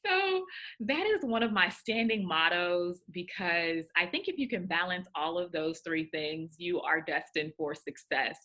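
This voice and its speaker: Upbeat young woman guest, bright voice, slightly low pitch, emphatic delivery. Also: lively intonation, unhurried. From Houston, Texas. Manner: upbeat, emphatic, laughs easily. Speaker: podcast guest, career coach. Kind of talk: interview conversation.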